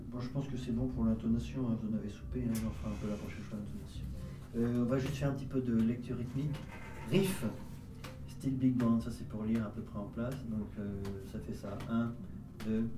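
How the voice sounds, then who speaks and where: A man's voice: medium pitch, fairly even intonation, brisk, background noise. A man teaching a group music lesson, explaining harmony patiently, counting beats aloud and singing rhythms in syllables. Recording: roomy sound from a distant mic, with piano.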